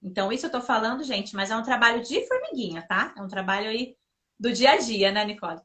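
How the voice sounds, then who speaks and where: A woman speaks as a guest on a parenting talk, telling stories from home in a lively, chatty way and turning to the listeners as she goes. Her voice is bright and clear, sitting a little high. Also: fast. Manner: lively anecdotal, often addresses listeners directly. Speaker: guest, mother. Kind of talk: casual conversational advice.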